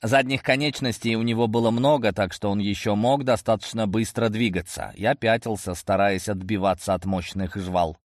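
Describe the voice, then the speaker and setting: A man's voice: on the low side, steady tone, moderate pace, few pauses, no room sound, studio quality. A man narrating a first-person fantasy audiobook in a tense, action-driven way.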